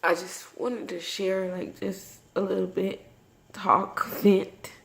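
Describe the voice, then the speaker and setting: A woman vlogging in a personal, confessional way, emotional and tearful after crying, speaking haltingly and reflectively. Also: mid-range voice, little pitch movement, gravelly, a little hiss or hum. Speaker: vlogger and mother. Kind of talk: personal, confessional vlog talk.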